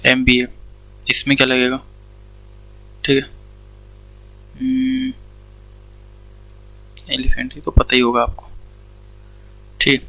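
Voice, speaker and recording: Male grammar teacher with an Indian accent, bright and dry, walks through rules step by step. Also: medium pitch, monotone, unhurried, pauses often, no echo, rough recording. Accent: Indian English. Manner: explains step by step, asks questions and answers them himself, says "theek hai" often. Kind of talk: Hindi-English classroom lecture.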